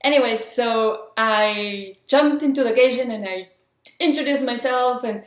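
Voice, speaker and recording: Talking through tips for making films, an independent filmmaker from Mexico speaks at a measured pace in a voice on the high side. Her Mexican accent has a French tinge, her manner is eager, chatty, and earnest, and the audio carries a roomy echo.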